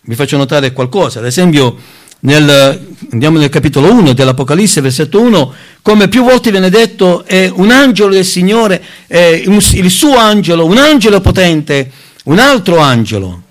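A man's voice: high voice, moderate pace. A man preaching a Bible teaching sermon, reading scripture aloud and stressing key words. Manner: emphatic, rising on key words, lively intonation; addresses listeners as brothers, reads scripture aloud.

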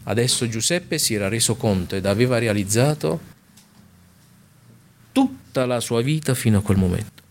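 A man's voice: medium pitch, expressive. Earnest man preaching a sermon. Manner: earnest, slows for emphasis and addresses the congregation. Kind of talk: sermon with Bible reading.

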